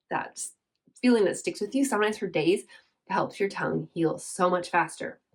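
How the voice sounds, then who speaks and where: A woman in her thirties talks through home tips in a casual, earnest way. Her voice sits a little low, and she rambles, circling back to find the right word. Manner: chatty, earnest, hunts for words with filler. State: briefly teary. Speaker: essential oils seller. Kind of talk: casual how-to chat.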